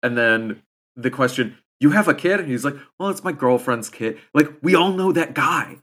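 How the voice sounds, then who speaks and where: Man, medium pitch, casual podcast chat, anecdotal. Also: expressive, moderate pace, fairly bright tone. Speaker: podcast host and player.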